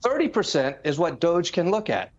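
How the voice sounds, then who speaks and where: A man's voice: a little high, big pitch swings, normal speed, dull audio. A man who is a former congressman, speaking emphatically as a political commentator on a discussion panel. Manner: emphatic, explanatory, lists figures.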